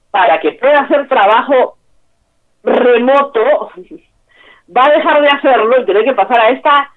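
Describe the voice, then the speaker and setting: Emphatic woman commentator on a tinny phone line. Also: a little high. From Peru. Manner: emphatic, repeats key words for stress. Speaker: political talk show host. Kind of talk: opinionated commentary on a call.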